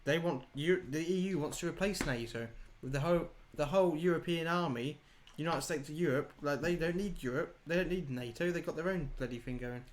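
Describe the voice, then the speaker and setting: A man chimes in bluntly during a casual political debate, using casual slang. His voice is a bit higher than most men's. Faint noise sits under the recording. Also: a little fast, few pauses. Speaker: political talk show co-host.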